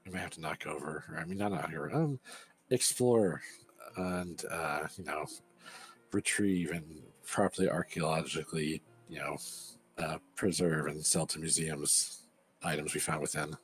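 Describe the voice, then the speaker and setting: A man's voice: very deep voice, normal speed. A man playing in a tabletop game, chatting casually, giggling and backpedaling on his own jokes. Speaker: player.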